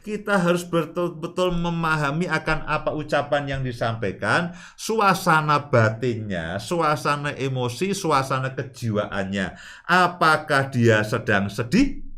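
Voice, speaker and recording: A man's voice: on the high side, bright, forceful tone. A man hosting a family-life talk show, giving advice in an emphatic way and repeating his key phrases. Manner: acts out quoted speech with laughs. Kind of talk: advice talk to a live audience.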